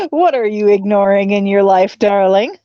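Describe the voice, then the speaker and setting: A woman's voice: mid-range voice, a little mellow, no echo. A woman in her forties, a tarot reader guest chatting casually, joking and laughing often. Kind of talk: casual live-stream chat. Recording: dull lo-fi stream audio.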